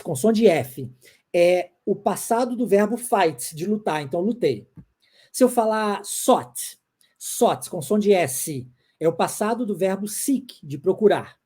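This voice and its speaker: An English teacher with a Brazilian Portuguese accent runs an online pronunciation lesson, going over examples repeatedly and checking in often with her audience. Her voice is medium-pitched, mellow and slightly rough.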